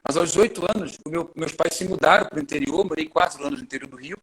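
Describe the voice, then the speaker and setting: A man's voice: a little high, fast talker, husky, low-quality recording. A man, a guest telling his personal testimony in a friendly, chatty way on a live podcast. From Rio de Janeiro, Brazil. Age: 40s. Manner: friendly, chatty, self-introducing at length.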